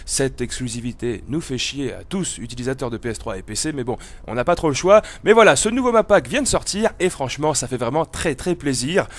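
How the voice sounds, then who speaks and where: Brisk and lively in intonation, a medium-pitched man with a cold hosts a gaming video with few pauses. His gameplay commentary is casual, hesitant, and meandering.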